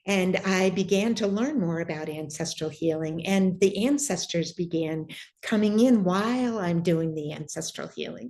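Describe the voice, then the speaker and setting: Woman guest, low-pitched, reflective personal testimony with halting restarts. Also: a little mellow. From Irish heritage. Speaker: guest sharing spiritual story.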